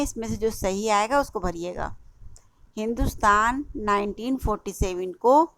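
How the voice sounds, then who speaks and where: Woman, Indian Urdu accent, teacher, slow deliberate pace, spells out letters, dry recording. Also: mid-range voice, fairly bright tone, no room sound. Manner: slow and repetitive, spelling words letter by letter and quizzing. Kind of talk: classroom lesson explaining a workbook.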